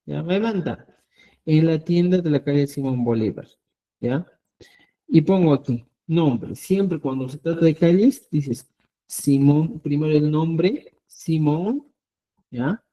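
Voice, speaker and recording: Slow, dark-voiced language teacher. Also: male voice, a little high, rough recording. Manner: slow, patient, keeps checking with "¿ya?". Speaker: Quechua teacher. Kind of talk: online language lesson.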